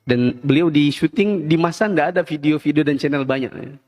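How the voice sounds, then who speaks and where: A man preaching a sermon, telling lively stories and acting out family members yelling at each other. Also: on the high side, brisk, dull audio. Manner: animated storytelling, acts out family members yelling. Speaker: Islamic preacher.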